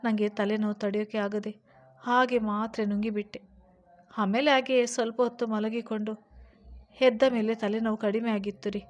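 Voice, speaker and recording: A woman's voice: a little high, little pitch movement, moderate pace, dull audio, close to an everyday voice. A woman voicing a sick young wife who talks in a childlike, pleading way. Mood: tearful.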